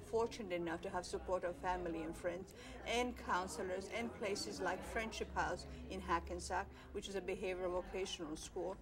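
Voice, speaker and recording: An older woman from Croatia, a mental health advocate, speaking earnestly to camera in a studio with many pauses and fillers. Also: medium pitch, low-quality recording. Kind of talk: speaking to camera in a filmed interview. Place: studio with blue backdrop.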